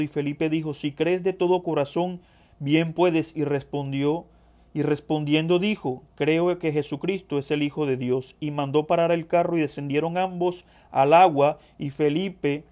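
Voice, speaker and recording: A man preaching a sermon, reading scripture passages aloud and then dropping to quieter asides to the congregation. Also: a little high.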